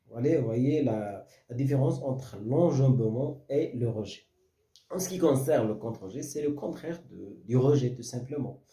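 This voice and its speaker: A man's voice: medium pitch, moderate pace, mellow, echoey room. A man teaching French verse, explaining step by step with many fillers and restarts, often checking whether the class follows.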